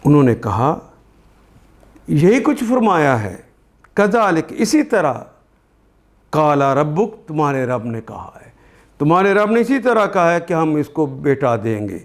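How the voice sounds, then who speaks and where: The older man speaks with a Pakistani Urdu accent, and his slightly high voice moves through big pitch swings. He's teaching a Quran translation, explaining every word slowly and repeating the terms.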